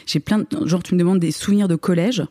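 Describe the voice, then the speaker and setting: A woman's voice: on the low side, steady tone, fast, mellow, no room sound, clean studio sound. A woman in her thirties from eastern France, a podcast guest chatting casually with lots of fillers and laughter. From Moselle, eastern France. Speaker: guest, content creator. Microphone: close podcast microphone.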